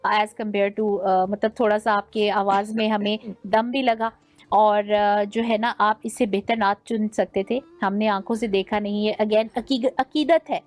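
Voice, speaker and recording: A woman's voice: mid-range voice, steady tone. Woman judge giving candid critiques. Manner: mixes English words into Urdu, direct critiques. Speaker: naat competition judge. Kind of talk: judging feedback.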